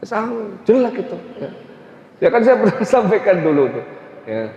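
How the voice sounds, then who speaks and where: A man's voice: high-pitched, very animated, normal speed, a little mellow. A man from Tegal with a Tegal Javanese accent, giving a conversational religious lecture, often tagging phrases with "ya" and "Pak". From Tegal, Central Java. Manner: conversational, many "ya" and "Pak" tags. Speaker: Islamic teacher. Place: mosque hall. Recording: echoey hall, dull sound.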